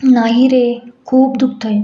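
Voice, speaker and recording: A woman doing a tearful young wife in an audio story, plaintive and feigning pain. The voice sits a little high and stays even, in an echoey room with dull sound. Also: normal speed, soft background music, close to an everyday voice.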